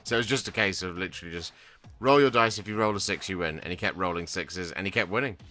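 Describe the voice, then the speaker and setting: A man's voice: sits low, fast, pushed and bright. A man chatting casually on his hobby vlog, rambling with lots of restarts and fillers. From England. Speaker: hobby vlogger. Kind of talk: casual chat while painting miniatures.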